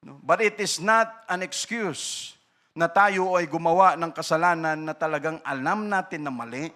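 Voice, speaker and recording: Bright-voiced emphatic Filipino pastor. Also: male voice, fairly high pitch, moderate pace. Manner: mixes English phrases into Tagalog, frequent tag "no?"; swings between soft murmurs and loud emphatic bursts. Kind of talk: sermon.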